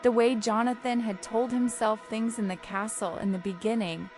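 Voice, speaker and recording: A woman's voice: a little high, fairly even intonation, moderate pace, close to an everyday voice. A woman playing a troubled, determined young diarist in a horror audio drama, confiding with restraint. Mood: uneasy, regretful. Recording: loud music behind the voice. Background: music.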